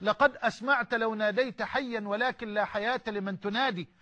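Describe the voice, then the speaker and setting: A man's voice: high voice, fairly even intonation, fairly quick, pushed and bright. A man preaching a sermon with an Egyptian Arabic accent, impassioned and rising to emphatic outbursts.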